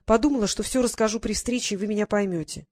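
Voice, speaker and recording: A woman voicing a timid young woman in an audiobook, speaking gently and shyly. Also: medium pitch, fast talker, no echo, clean studio sound, close to an everyday voice. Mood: pleading. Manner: gentle, shy and pleading. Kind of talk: audiobook character reading.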